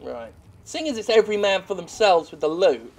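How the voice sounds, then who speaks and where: Over faint video game action, a British man commentates as he plays, rambling casually, putting himself down and swearing freely. His voice is high and darkish in tone, very animated, at a normal speed.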